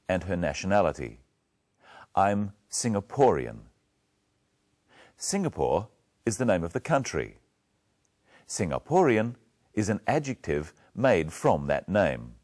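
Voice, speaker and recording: A male English teacher walking learners through a lesson, speaking slowly and with great care. His voice is deep, and his intonation moves up and down a lot. He patiently drills the words one at a time. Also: a little mellow. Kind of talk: slow, clear lesson narration.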